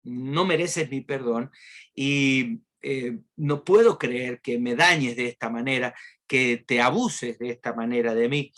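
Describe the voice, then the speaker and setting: A man's voice: slow, fairly bright tone. A man voicing a tiny, fragile female ant who angrily scolds and refuses to forgive. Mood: angry scolding. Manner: shrill and scolding.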